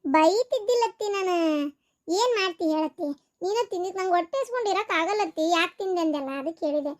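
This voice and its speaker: A woman's voice: very high voice, animated, quick pace. A woman voicing a young daughter-in-law in a cartoon, pleading and coaxing in a North Karnataka accent. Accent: North Karnataka Kannada. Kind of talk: cartoon voice acting.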